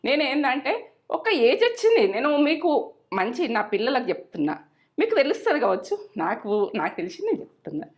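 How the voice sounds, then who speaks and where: With a high, sing-song voice and a fast delivery, a middle-aged woman chats through her cooking channel. She gives homely advice in a casual way and tends to repeat herself.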